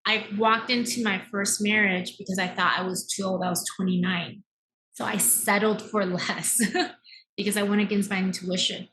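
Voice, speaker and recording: A woman of thirty-nine, born in America and raised in Taiwan, shares her personal story as a podcast guest and mindset coach, speaking earnestly and emphatically with rhetorical tags like "right?". Her mid-range voice holds a steady tone at a moderate pace and sounds pushed and bright. The recording is rough, with a little hiss or hum.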